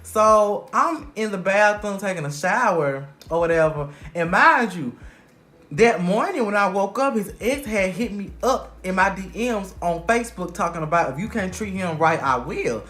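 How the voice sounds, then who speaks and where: Young male vlogger, casual storytime delivery, very expressive and profane. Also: high voice, moderate pace. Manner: animated, heavily profane storytelling. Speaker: vlogger telling a personal story.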